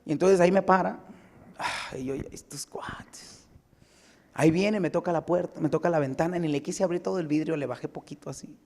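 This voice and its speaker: A man's voice: on the high side, fast talker, creaky, few pauses. A pastor, telling a personal story in his sermon and building to emphatic exhortation. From United States. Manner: lively anecdotal preaching, building to emphatic exhortation. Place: church sanctuary. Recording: long church-hall reverb.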